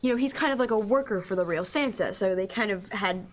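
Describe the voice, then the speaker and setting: A woman's voice: medium pitch, quick pace. A young woman guesting on a talk show, answering in a giggly, hesitant way with many fillers. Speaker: actress guest.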